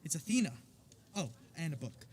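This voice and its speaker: A man's voice: a little high, sing-song, moderate pace, a little hiss or hum. A man playing a playful dad with a mid-Atlantic accent. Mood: fond. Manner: theatrical, declaiming, teasing. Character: playful professor father with grand manner. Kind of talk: staged concert reading of a musical.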